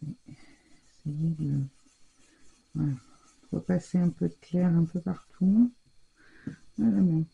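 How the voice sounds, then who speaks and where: A woman's voice: fairly low pitch, takes it slowly, vocal fry, pauses often, slightly rough, narrow, tinny audio. A woman giving a casual scrapbooking tutorial at home, chatty and hesitant, with many fillers and stumbles over English product names. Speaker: scrapbooking crafter demonstrating.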